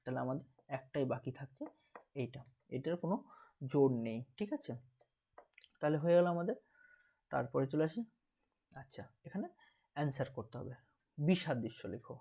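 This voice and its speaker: A man's voice: medium pitch, moderate pace, creaky, long pauses, warm tone. A man with a Bengali accent working through an exam paper as a teacher, repeating key terms and asking and answering his own questions. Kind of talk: exam paper walkthrough lesson.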